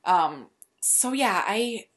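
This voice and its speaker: A woman's voice: medium pitch, expressive, very slow, fairly bright tone, breathy edge. A woman co-hosting a podcast, chatting casually and explaining things in an informal way. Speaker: podcast co-host. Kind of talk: casual podcast chat about books and films.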